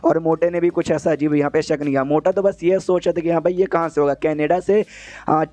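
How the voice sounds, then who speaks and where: A man retelling an animated series episode in casual storytelling style, rattling off slangy asides and quick voiced quotes of the characters. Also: on the high side. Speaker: anime recap narrator.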